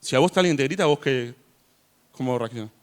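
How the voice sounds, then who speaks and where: A man preaching a sermon in church, chatty in tone and rising to loud emphasis when he reads scripture. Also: mid-range voice, brisk.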